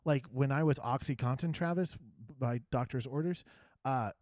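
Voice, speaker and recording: A man's voice: medium pitch, normal speed, a little mellow, no echo. A man hosting a podcast in casual chat, a self-mocking, jokey storyteller. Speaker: podcast host.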